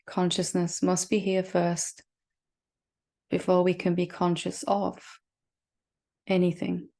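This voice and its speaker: Her voice is low-ish and monotone with vocal fry as she leads a guided meditation. Acting as a spiritual teacher, she speaks gently and reassuringly, leaving long, unhurried pauses.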